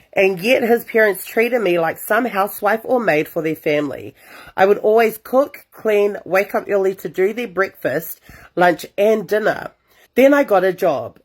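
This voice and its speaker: A young woman, reading listener confessions aloud as host and reacting with sassy asides. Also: medium pitch. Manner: animated, sassy asides between read stories. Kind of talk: casual storytime reading with reactions.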